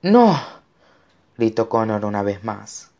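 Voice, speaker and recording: A man's voice: on the low side, moderate pace, darkish tone, dull audio. A man narrating an audiobook with dramatic storytelling. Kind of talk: scripted narration.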